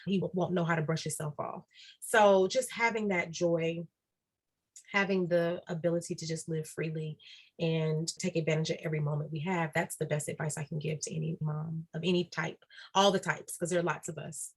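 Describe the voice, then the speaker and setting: A woman's voice: low-pitched, steady tone, normal speed, breathy edge. A woman guest on a podcast interview, talking earnestly and repeating key phrases for emphasis. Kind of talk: reflective podcast interview talk.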